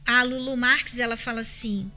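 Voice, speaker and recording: Earnest Brazilian woman, high bright voice. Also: steady tone, normal speed. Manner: earnest, emphatic, addresses listeners directly. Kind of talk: faith-based advice chat.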